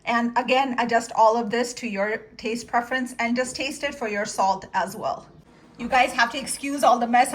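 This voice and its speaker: A woman's voice: fairly high pitch, fairly bright tone, slight background noise. A woman filming a casual cooking demo in her home kitchen, chatting and explaining each step to her viewers. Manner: chatty, instructive, talks to viewers. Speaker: cooking vlogger.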